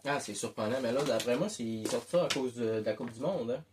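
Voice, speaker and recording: A man's voice: medium pitch, fast talker, background noise. A man with a Québécois French accent chatting casually as he tastes snacks, munching chips while he talks. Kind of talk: casual chat, food tasting.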